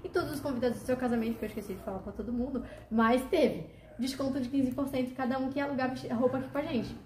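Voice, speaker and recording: Woman, high voice, mellow tone, animated storytelling. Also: fast talker, roomy sound, slight background noise. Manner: animated, emotional retelling with quoted dialogue. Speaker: guest telling her testimony. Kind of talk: casual storytelling.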